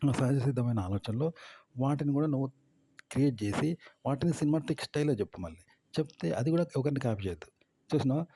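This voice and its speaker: Fast-talking Telangana-accented man. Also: mid-range voice, warm tone, slightly rough. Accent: Telangana Telugu. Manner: repetitive, emphatic, asks rhetorical questions. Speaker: content-making tips presenter. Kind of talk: informal advice monologue.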